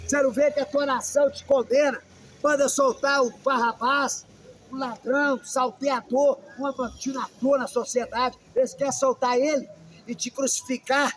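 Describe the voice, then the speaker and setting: A man's voice: very high voice, flat delivery, moderate pace, a bit bright, slight background noise. A male preacher voicing a stern Roman governor who presses a silent prisoner with exasperated questions.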